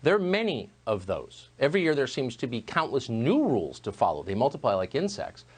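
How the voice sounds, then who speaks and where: A man delivering a scripted opinion monologue as a news host, measured and emphatic. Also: mid-range voice, wildly swooping pitch, breathy edge.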